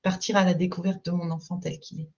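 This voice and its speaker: A woman parenting coach giving a live-streamed talk. She explains calmly and patiently and keeps checking in with her viewers. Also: fairly low pitch, quick pace, highs cut off.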